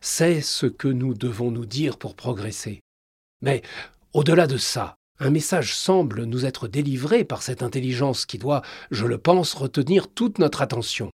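A man voicing a thoughtful male professor who reasons calmly and earnestly. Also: mid-range voice, a little slow, husky, dry recording, studio quality.

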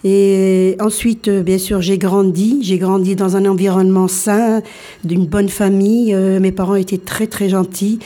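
A woman's voice: mid-range voice, flat delivery, a little slow, warm tone. Hesitant Algerian-born woman in her sixties. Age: 60s. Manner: hesitant, many fillers and restarts. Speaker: radio guest. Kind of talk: radio interview, personal life story.

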